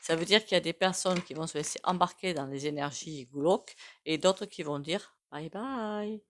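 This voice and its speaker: A woman with a low voice and a regional French accent reads tarot cards in a relaxed, spoken way. She muses aloud and drifts from thought to thought as if chatting with her viewers. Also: normal speed, slight background noise. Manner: musing aloud, loose and conversational. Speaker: tarot reader and psychic. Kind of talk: casual spoken tarot reading.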